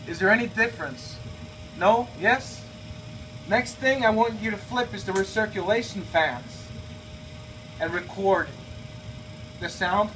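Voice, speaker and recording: A Norwegian man in his thirties, who built an airliner cockpit simulator at home, makes a casual video request from inside it, chatting and rambling with lots of fillers and restarts. His voice is slightly high and a bit bright. His son holds the camera a few feet away, so the mic is distant and the recording rough, with a faint fan hum behind him.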